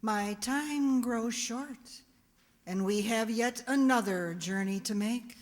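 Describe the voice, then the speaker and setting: Woman as a slow, solemn ghostly spirit. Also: on the high side. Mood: commanding. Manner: solemn, deliberate, commanding. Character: solemn, probing ghost of Christmas past. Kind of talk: radio play acting. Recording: long echoing hall reverb.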